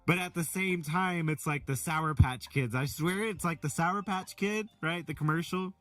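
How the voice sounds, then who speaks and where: A middle-aged man chatting casually while reading out chat, rambling and animated with many restarts. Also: a little high, normal speed, far from the mic. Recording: from the mic, faint music behind.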